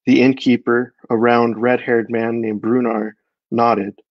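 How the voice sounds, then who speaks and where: A man reading his own dark fantasy story aloud at a live event, in a measured storytelling voice. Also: mid-range voice, little pitch movement, dry recording, lo-fi sound.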